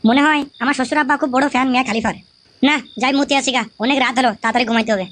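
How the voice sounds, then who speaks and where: A woman's voice: high voice, rapid-fire, background noise, lightly acted. A woman voicing a hot-tempered young son-in-law in a comic skit, grumbling and swearing.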